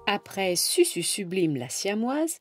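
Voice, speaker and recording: A woman reading a children's storybook aloud in an expressive, animated way, with swooping emphasis. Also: mid-range voice, slow pace. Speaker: storybook reader. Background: background music.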